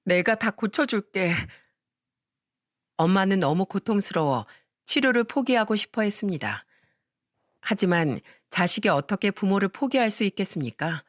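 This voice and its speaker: A woman's voice: mid-range voice, very animated, moderate pace, dry recording. Woman narrating a story, dry sound. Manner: plain first-person storytelling. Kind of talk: scripted narration.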